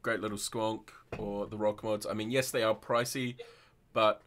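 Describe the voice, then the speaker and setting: A man's voice: on the low side, flat delivery, moderate pace, fairly bright tone. A young man hosting a casual, informal livestream chat. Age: young adult. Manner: informal, sweary. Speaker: host. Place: indoor room, livestream video call.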